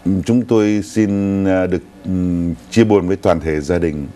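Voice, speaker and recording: A man's voice: low voice, steady tone, unhurried, mellow. An older man co-hosting a news talk show in a TV studio, recounting stories unhurriedly with some fillers.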